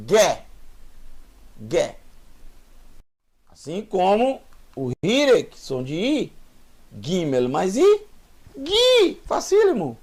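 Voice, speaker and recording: A man's voice: sits high, darkish tone. A man teaching a Hebrew lesson, patiently repeating each letter sound and encouraging the learner. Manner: encouraging, asks the viewer questions. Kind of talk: online language lesson.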